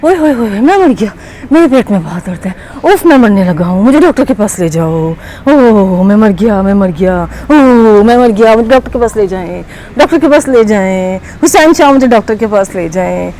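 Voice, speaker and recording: A woman's voice: medium pitch, lively intonation, moderate pace, warm tone, slight background noise, voice pushed down, natural voice. A woman voicing a greedy young male panda with a bellyache, groaning and wailing in pain.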